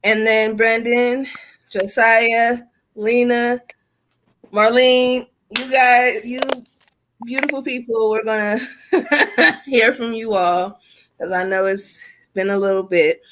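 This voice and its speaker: A woman's voice: a little high, steady tone, slow, pauses often, fairly bright tone, poor audio. A woman from Los Angeles hosting a casual panel chat, laughing often and keeping a playful, easygoing tone. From Los Angeles, California. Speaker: host.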